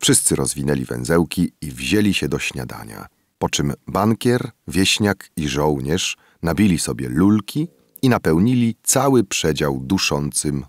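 A man with a very deep voice reads a classic novel aloud, his tone rising and falling with lively expression. The recording is close and dry, with no room sound. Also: dry recording. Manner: measured, expressive storytelling. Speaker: audiobook narrator. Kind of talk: literary audiobook narration.

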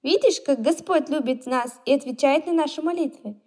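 A woman's voice: high-pitched, moderate pace, a little mellow, close to an everyday voice. A woman voicing a kind, caring aunt in a children's storybook reading.

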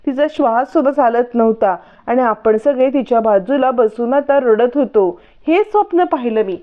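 A woman's voice: fairly high pitch, moderate pace, natural voice. A woman reading as a melodramatic young schemer. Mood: distraught. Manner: wailing, melodramatic. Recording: dull lo-fi recording.

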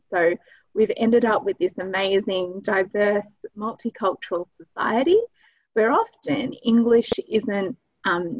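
A woman's voice: mid-range voice, dry recording. Australian woman hosting a video call. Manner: friendly, frequent ums. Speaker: host, student recruitment manager. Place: small room indoors. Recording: slightly dull video-call audio.

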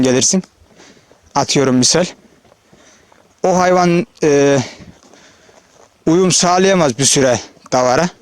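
Guy out herding on a hillside, talking to his camera, easy chatty tone. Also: on the high side. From Turkey. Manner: chatty, addresses viewers directly, calls out to animals. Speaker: shepherd vlogger. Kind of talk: casual outdoor vlog narration. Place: open hillside pasture outdoors. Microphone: handheld or body-worn camera.

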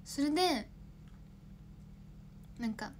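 A woman's voice: high-pitched, expressive, takes it slowly, a little hiss or hum. A young woman in her twenties, an idol chatting casually on a livestream, rambling, laughing often and answering viewer comments.

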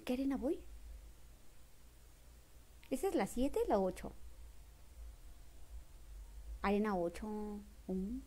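A woman's voice: medium pitch, slow, pauses often. A young woman with a Mexican accent doing casual live gameplay commentary, thanking viewers and breaking into shrieks and laughter. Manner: excitable, bursts into shrieks and laughter, greets viewers warmly. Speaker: live-streamer.

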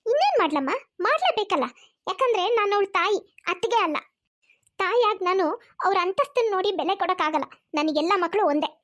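A woman voicing an older mother-in-law in a cartoon, speaking slowly and reproachfully. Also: very high-pitched, sing-song, a bit bright, full character voice. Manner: slower, reproachful.

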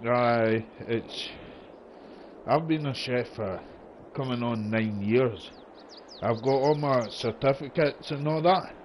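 A man's voice: mid-range voice, takes it slowly. A man with a broad Scottish accent chatting casually, telling rambling stories in a colloquial way. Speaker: gamer chatting during a farming game session. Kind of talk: casual chat. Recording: dull lo-fi voice chat with noise.

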